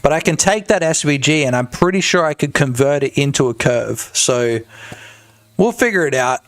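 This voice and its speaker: Male indie game-dev streamer; casual, joking livestream banter with chat, a touch high-pitched. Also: expressive, normal speed. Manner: chatty, joking, talks to chat.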